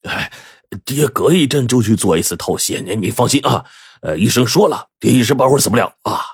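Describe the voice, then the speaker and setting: A man voicing a stubborn, sick rural father who scolds gruffly and hides his worry behind forced cheer. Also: mid-range voice, expressive, a little fast, no room sound, studio quality, pitched above the performer's own voice. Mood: weary.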